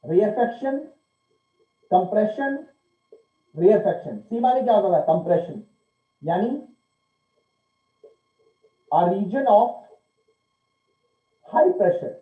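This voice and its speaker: Speaking very slowly with frequent pauses, this male physics teacher has a high, expressive voice. His classroom lecture is full of questions he answers himself, and he addresses students as "beta"; the audio is echoey and tinny, like a phone.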